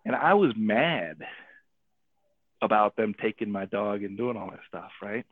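A man telling a personal story and drawing a faith lesson from it, animated, acting out the people he quotes and often adding "right?". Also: lowish voice, measured pace, no echo. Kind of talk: casual radio talk. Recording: tinny phone-like radio audio.

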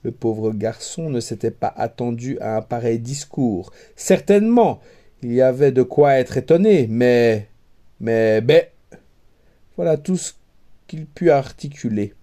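A man narrating a fairy tale aloud in a measured, wry storytelling manner. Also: medium pitch, animated, mellow. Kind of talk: storybook reading.

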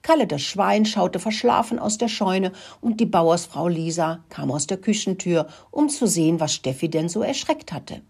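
An older woman with a husky voice narrating a children's story in a friendly, lively way. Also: on the low side, normal speed, hardly any pauses.

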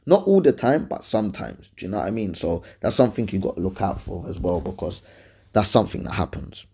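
Low-voiced, creaky, warm and slightly rough, this London man talks very animatedly and a little fast, using urban roadman slang. He hosts a laid-back advice podcast answering listener questions, hammering points home, repeating them and checking that you're keeping up.

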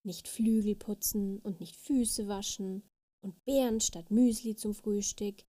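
A woman voicing a naughty little fairy girl in a storybook reading, with high wailing cries. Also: fairly even intonation, measured pace, warm tone, lightly acted. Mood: cheeky. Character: naughty little female fairy child, cheeky.

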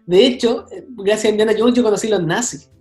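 A young man with a Chilean accent, a guest telling stories in a casual interview, full of slang and quick asides. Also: high-pitched, darkish tone, reverberant, faint music behind. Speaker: guest, content creator.

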